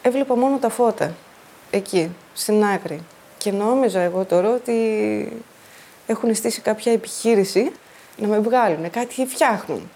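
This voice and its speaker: A woman with a mellow, mid-range voice gives a plain, earnest first-person testimony about surviving a flood. There's a little hiss or hum in the recording.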